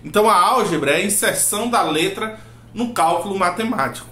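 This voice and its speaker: A man's voice: high voice, a little fast, bright, forceful tone. A man teaching a math lesson, asking rhetorical questions and acting out his students' replies. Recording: roomy echo.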